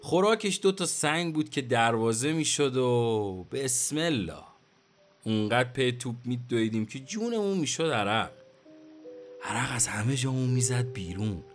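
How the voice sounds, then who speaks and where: A man acts out a middle-aged Tehrani taxi driver, chatty and complaining, full of nostalgia. His slangy speech rises and falls with great animation in a medium-pitched voice, over faint music. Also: expressive, close to an everyday voice. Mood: wistful, animated. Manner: chatty, complaining about today's kids, colloquial street slang.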